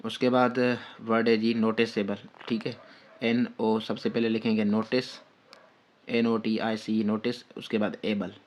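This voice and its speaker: Slow, flat-voiced male tutor spelling words. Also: lowish voice. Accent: Pakistani Urdu. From Pakistan. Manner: slow, repetitive dictation with frequent "theek hai" fillers. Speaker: test-prep teacher. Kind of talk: spelling lesson, dictating letter by letter.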